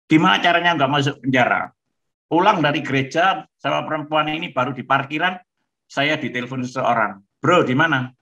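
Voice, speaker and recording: Brief: male pastor, animated testimony, slightly high, bright tone, muffled audio. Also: brisk, vocal fry. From Malang, East Java. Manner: lively, acts out dialogue with shifting voices. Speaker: pastor giving his testimony.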